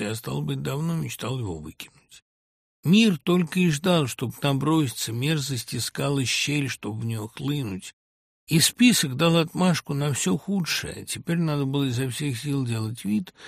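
A man narrating an audiobook of a novel in an expressive, lively storytelling manner. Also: mid-range voice, gravelly, no echo, clean studio sound.

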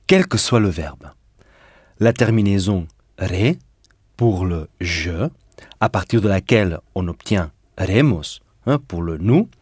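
A man's voice: fairly low pitch, a little mellow, husky, dry recording, studio quality. A man teaching a recorded language lesson, patiently explaining and stressing word endings as he goes. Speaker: Spanish teacher.

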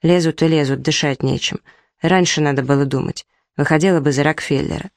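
A woman's voice: low voice, steady tone, a little fast, no echo. A woman reading the lines of a short-tempered young husband aloud from a story, in a dry room. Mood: irritated. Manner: short-tempered, snapping, rude. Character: irritable young husband, thirty.

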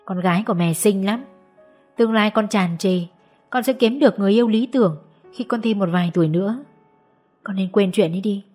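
A woman's voice: mid-range voice, fairly quick, lightly acted. A woman voicing a stern but loving middle-aged mother in an audiobook, scolding at times and coaxing at others, over faint music. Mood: gentle coaxing. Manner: scolding, then soft and coaxing. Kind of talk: audiobook character voice.

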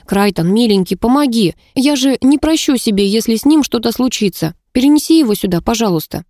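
A woman's voice: on the high side, expressive, a little fast, dark tone, dry recording, studio quality, voice pushed up, lightly acted. A woman reading an audiobook, voicing an anxious, impulsive young heroine who pleads urgently. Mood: pleading. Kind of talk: audiobook narration.

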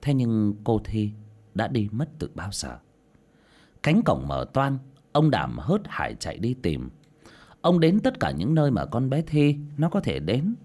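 A man narrating an audiobook in an expressive storytelling manner. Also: fairly low pitch, breathy edge.

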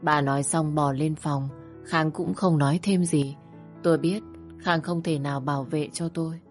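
A woman's voice: sits low, steady tone, normal speed, darkish tone, faint music behind. A woman narrating a first-person audio story in a plain, sorrowful way.

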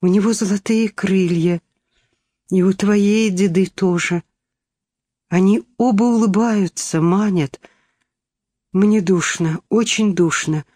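A frail dying boy, as a woman reader voices him speaks in a soft, weak, hushed way. The sound is close and dry, with a pitch in the middle of the range. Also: slow, long pauses, no echo. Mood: fading, tender. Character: frail dying young boy, gentle, yearning.

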